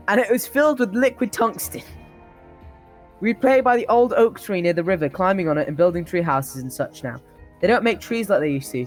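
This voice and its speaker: Someone with a mid-range voice reads a comic tall tale in the role of an old-timer recalling a harsh childhood, often stumbling and breaking into laughter.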